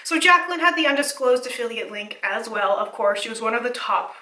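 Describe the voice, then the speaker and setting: A woman giving a casual, analytical video essay commentary, chatty with many fillers, her voice slightly hoarse and cracking. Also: fairly high pitch, fairly quick, sharp tone, roomy sound, recorded from a distance, poor audio.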